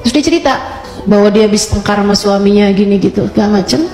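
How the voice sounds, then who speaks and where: A woman preacher giving a religious lecture, telling a story and voicing the people in it with lively emotion. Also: mid-range voice, fast talker. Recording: echoey hall with faint music.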